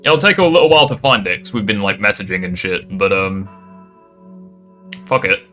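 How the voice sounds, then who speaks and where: Bright-toned swearing YouTube commentator. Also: male voice, fairly low pitch, lively intonation, normal speed, faint music behind. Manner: irreverent, swears, rambling asides. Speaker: YouTuber responding to critics. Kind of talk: casual commentary.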